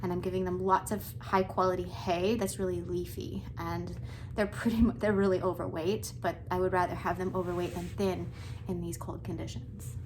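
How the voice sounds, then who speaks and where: A homesteader vlogger chats casually to her camera while doing chores outdoors and in a chicken coop on a farm in extreme cold, laughing and sighing as she goes. Her voice is on the low side with a flat delivery, normal speed, and few pauses. The background is noisy.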